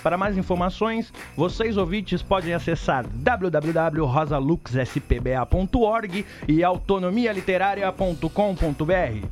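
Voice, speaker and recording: Brazilian host guy, upbeat studio intro, pretty high voice, bit of music under. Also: moderate pace, hardly any pauses, a little mellow. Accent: Brazilian Portuguese. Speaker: podcast host.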